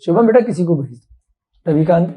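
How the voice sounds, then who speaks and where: A woman's voice: lowish voice, expressive, moderate pace, narrow, tinny audio. A woman teaching a class, drilling words and asking the pupils questions.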